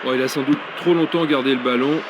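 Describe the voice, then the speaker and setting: A man's voice: mid-range voice, steady tone, fast talker, noisy background, lightly acted. A man working as a football co-commentator, giving assured, analytical remarks in full sentences. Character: assured male football pundit beside the announcer. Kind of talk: sports commentary.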